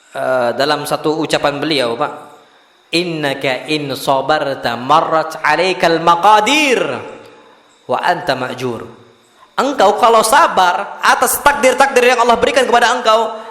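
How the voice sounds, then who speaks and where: Animated preacher man in an echoey hall. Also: very high voice. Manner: animated, swings between hushed and exclaiming, addresses listeners as sir. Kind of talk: sermon. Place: mosque hall.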